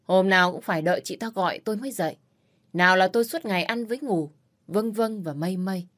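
A woman's voice: mid-range voice, fast talker, fairly bright tone. Woman narrating a family drama story. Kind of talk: first-person audio story narration.

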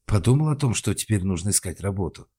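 A man voicing a naive, childlike young woman, raising his voice higher and louder. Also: lively intonation, fast, slightly rough. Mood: pleading. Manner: pleading, high and raised.

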